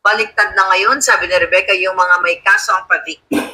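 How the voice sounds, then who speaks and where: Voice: mid-range voice, fairly even intonation, fairly quick, sharp tone, husky, low-quality recording. A livestream host giving scornful, combative political commentary and reading viewer comments aloud. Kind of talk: casual live commentary. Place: home studio.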